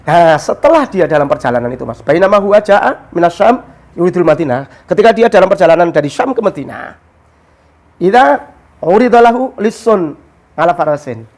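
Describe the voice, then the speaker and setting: A man, casually explaining a religious story and acting out the people in it. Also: brisk. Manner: animated, acts out quoted characters with raised pitch. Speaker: religious teacher explaining a kitab.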